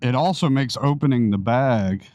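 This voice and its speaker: With a darkish, mid-range voice at a normal speed, a man vlogs casually while motorcycling on country back roads. His helmet mic encloses the voice and also catches wind and engine noise.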